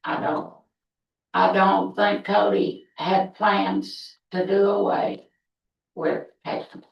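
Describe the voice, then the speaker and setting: A woman's voice: medium pitch, fairly even intonation, slow, vocal fry, slight background noise. A woman testifying as a witness in court, speaking in hesitant, broken phrases. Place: indoor courtroom. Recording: distant, echoey, muffled courtroom audio.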